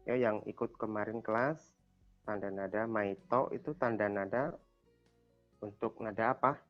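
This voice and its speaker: A man's voice: lowish voice, fairly even intonation, normal speed, highs cut off, faint music behind. A man teaching a language class over a video call, quizzing students and patiently repeating their answers. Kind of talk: online class lesson.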